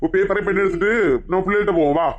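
A woman's voice: medium pitch, steady tone, dull audio, pitched below the performer's own voice, close to an everyday voice. A woman playing a bickering middle-aged village husband with a Kanyakumari accent, teasing and scolding his wife. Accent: Kanyakumari Tamil. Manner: teasing, scolding, rapid-fire.

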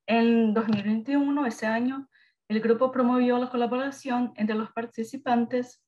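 A woman from Brazil with a Brazilian Portuguese accent presents prepared slides on a video call, in halting Spanish mixed with Portuguese. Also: fairly high pitch, a little mellow, low-quality recording. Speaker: academic researcher presenting.

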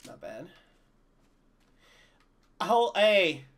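Lively, bright-voiced swearing streamer. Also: male voice, high voice, very slow. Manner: swears freely, laughs often, swings between mutters and loud outbursts. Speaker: streamer playing a horror game. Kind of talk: casual gaming chat.

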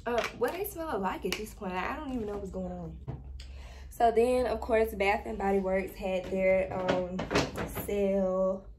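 A woman's voice: mid-range voice, measured pace. Chatty young woman, noisy recording. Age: young adult. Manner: chatty, informal, talks straight to viewers. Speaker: vlogger. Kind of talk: casual haul vlog chat. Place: small indoor bedroom. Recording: noisy background hiss.

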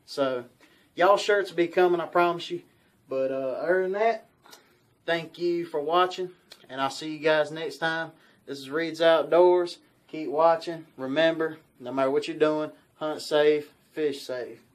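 A young man with a drawl chats loosely to his camera in a small bedroom, folksy and prone to repeating himself. His voice sits a touch high for a man, close to the camera mic. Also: unhurried. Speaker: outdoors channel host. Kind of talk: casual vlog talk to camera.

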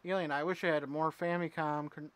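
High-voiced man streaming a retro game. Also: fairly even intonation, a little fast, clear, resonant tone. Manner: chatty, reacting out loud and answering viewers' chat. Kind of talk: casual live gameplay commentary.

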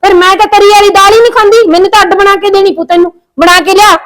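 An actress playing a bossy, fussy middle-aged aunt who scolds and makes picky demands, with a Punjabi accent. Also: female voice, extremely high pitch, fairly even intonation, racing. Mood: scolding. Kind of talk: village short film acting.

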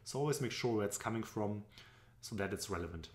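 This is screen-recorded tutorial narration from a young German-accented man explaining business presentation charts. His voice is lowish yet animated and brisk, his style loose with frequent fillers. The webcam recording, made at his desk in a room at home, has noticeable echo.

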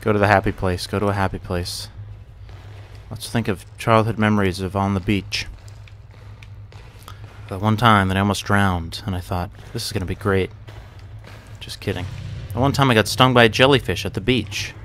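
A young man hosts a gaming channel, casually narrating a horror game as he plays. His voice sits fairly low, with a steady, fairly bright tone and a moderate pace. He rambles, swears and mutters to himself, yelping and cursing at jump scares, over slight background noise.

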